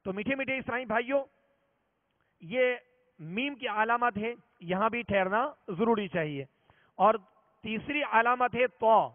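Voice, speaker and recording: A man teaching a religious reading lesson, explaining patiently and repeating each rule, slowing down to sound out examples. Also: very high voice. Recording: tinny phone-like audio, long reverb.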